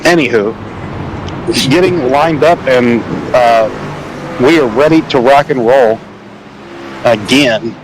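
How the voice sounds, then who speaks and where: Against a noisy background, a medium-pitched sim racing commentator talks slowly through a simulated truck race, pausing often. He's on a home microphone in an online call, offering rambling, self-deprecating play-by-play with jokes along the way.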